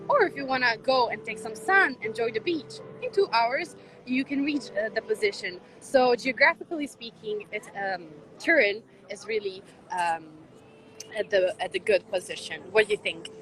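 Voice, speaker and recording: Bright-voiced young woman outdoors. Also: a little high, low-quality recording. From Croatia. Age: young adult. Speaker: vlog host and student guide. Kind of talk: casual city tour vlog. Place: outdoors in a city square. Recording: street noise in the background.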